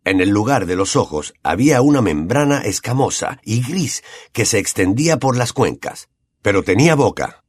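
A man with a Latin American accent narrating an audiobook in an expressive, dramatic storytelling manner. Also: lowish voice, slightly rough, no echo, studio quality. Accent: Latin American Spanish.

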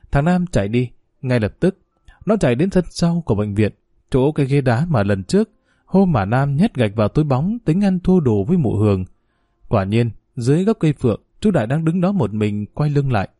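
Calm guy reading a story aloud, mellow, dry close sound. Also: medium pitch, normal speed, dry recording. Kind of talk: scripted story narration.

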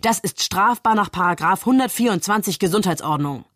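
A woman's voice: mid-range voice, expressive, brisk, a bit bright, dry recording, lightly acted. A woman voicing a gaunt, nervous male prosecutor who cuts in indignantly, read in a dry studio. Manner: interrupting, indignant. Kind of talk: literary reading.

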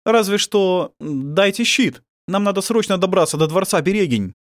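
A man voicing a young werewolf warrior, higher-pitched. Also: animated, moderate pace, no room sound, clean studio sound. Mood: earnest. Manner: polite, urgent.

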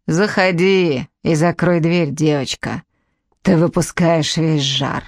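Audiobook: woman doing a surly blind old woman, low, slow, scornful growl. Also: fairly even intonation, dry recording, studio quality. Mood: barking. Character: blind, ill-tempered old woman teacher. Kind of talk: audiobook character reading.

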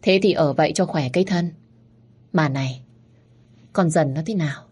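A woman's voice: sits low, normal speed, darkish tone, slightly rough. A woman voicing a harsh older mistress of a rich household, speaking curtly and with scorn. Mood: stern. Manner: curt, scornful, bossy.

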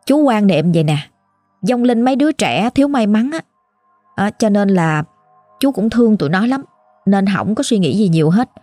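A woman's voice: mid-range voice, mellow, dry recording. A woman with a Southern Vietnamese accent narrating a ghost story in a chatty, exclaiming way, talking straight to her listeners.

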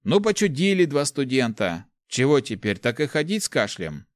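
A man voicing a skinny, quick-tongued young man who scolds loudly and bosses his friend around, in an audiobook. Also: mid-range voice, sing-song, no room sound, clean studio sound, pitched above the performer's own voice, natural voice. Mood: scolding. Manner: loud, scolding, fast banter.

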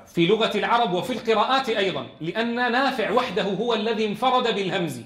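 A man's voice: sits high, fast, fairly bright tone, roomy sound. A man teaching a Quran lesson in a classroom. He reads from a text and explains it, asking his students questions.

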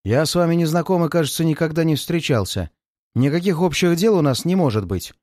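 A man reading aloud, voicing an arrogant, hot-tempered rich gentleman who snaps indignantly. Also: a little high, animated, brisk, no room sound, studio quality. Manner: haughty, snapping, indignant.

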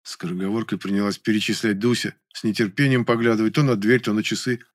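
A man's voice: fairly low pitch, steady tone, quick pace. A man narrating an audiobook in the first person, in a wry, ironic manner.

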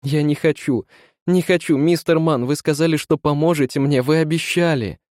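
A man's voice: fairly high pitch, fairly even intonation, moderate pace, darkish tone, no echo, studio quality, voice pushed up, lightly acted. A man voicing a frightened young woman who cries out and pleads urgently, in a read-aloud story. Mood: frantic pleading.

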